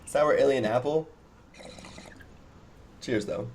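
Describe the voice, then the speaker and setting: A man's voice: mid-range voice, slow pace, darkish tone, slight background noise. A man of twenty chatting casually with viewers on a live stream over a video call headset, rambling and laughing, with many restarts. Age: 20s. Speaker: cannabis streamer. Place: small home room, indoors.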